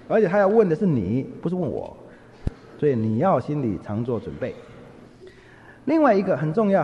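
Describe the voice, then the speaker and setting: A man giving a sermon, telling stories with humor and acting out what people said. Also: a little high. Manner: humorous, lively storytelling, acts out quotes. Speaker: preacher. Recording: echoey hall, dull lo-fi sound.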